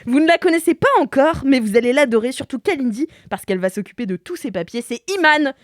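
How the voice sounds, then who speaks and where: A woman hosting a podcast, chatting casually and introducing her guests in a lively way. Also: sits high, quick pace, no echo, clean studio sound. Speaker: podcast host.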